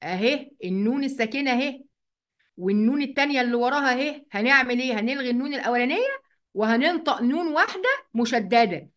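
A woman with an Egyptian accent teaching an online Quran recitation lesson. She explains each rule step by step, asks the class questions, and draws the recited words out slowly. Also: high-pitched, expressive, fairly bright tone. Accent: Egyptian Arabic. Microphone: computer mic, writing with a mouse.

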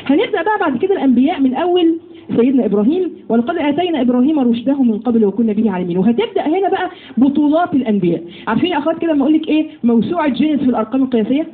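Quick, high-voiced Egyptian woman teaching religion. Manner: lively, asks the audience questions. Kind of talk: religious lesson to women. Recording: tinny phone-like audio with faint noise.

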